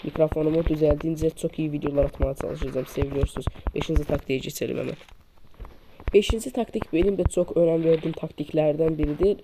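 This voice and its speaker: A man's voice: fairly even intonation, quick pace, background noise. A man giving a casual gameplay tutorial on a poor microphone, repeating and demonstrating each tip while calling his viewers friends. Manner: repetitive demonstrative instructions, addresses viewers as friends. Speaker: mobile shooter game tips creator. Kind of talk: casual gameplay tutorial over screen recording. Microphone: poor-quality microphone. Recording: low-quality mic with loud gunfire game sounds. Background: game gunfire and clicks.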